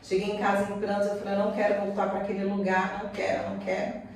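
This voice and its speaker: A woman giving a personal testimony as a guest, telling her story in an animated way and acting out the conversations. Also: medium pitch, racing. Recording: echoey room, far from mic.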